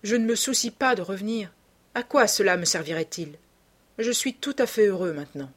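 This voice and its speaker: A woman's voice: medium pitch, fairly quick, slightly rough, lightly acted. A woman voicing a listless, ruined young man who speaks in sighs and murmurs. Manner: sighing and murmured.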